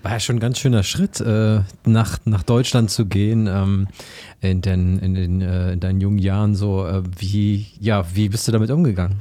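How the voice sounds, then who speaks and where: A man hosting a podcast interview in a studio, relaxed with hesitant fillers. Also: fairly low pitch, moderate pace, no room sound. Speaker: podcast host. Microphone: studio mic.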